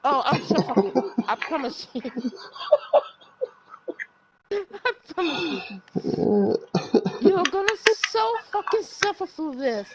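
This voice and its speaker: High-voiced teasing woman on a noisy line. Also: big pitch swings, slow pace, long pauses. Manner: teasing, laughs often, swears freely. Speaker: gamer chatting with a friend. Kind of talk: casual chat while gaming.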